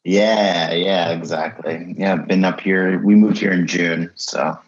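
A man's voice: low voice, fairly even intonation, unhurried. A man chatting casually as a podcast guest over a lo-fi remote connection. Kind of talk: casual chat.

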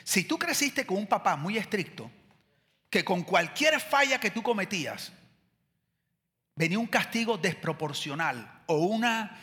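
Animated coastal preacher, bright voice. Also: male voice, sits high, big-room sound. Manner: animated, conversational, uses slang and playful asides. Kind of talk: sermon.

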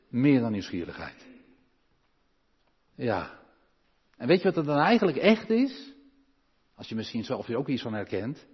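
A male pastor preaching a sermon, swinging between loud emphatic calls and hushed asides, often asking his listeners questions. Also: on the high side, slightly rough. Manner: asks the congregation direct questions. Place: church. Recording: long church reverb, dull lo-fi sound.

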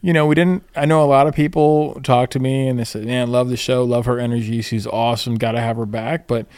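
A man's voice: mid-range voice, steady tone, brisk, a little mellow, clear, resonant tone, no echo, studio quality. A man hosting a show with casual, jokey banter and a chuckling way of talking. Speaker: podcast host.

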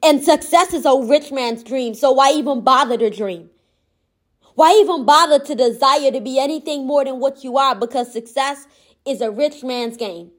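Woman, high voice, impassioned motivational monologue, gentle but firm delivery. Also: normal speed. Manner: impassioned, repetitive emphatic phrasing.

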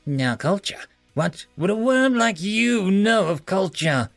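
A man performs a proud alien prisoner of war, his voice lifted high and pressed forward with contempt. He talks down to his captors with haughty disdain, every sentence carrying imperial pride. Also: animated, slow pace, vocal fry, no echo, soft background music, exaggerated voice. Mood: scornful.

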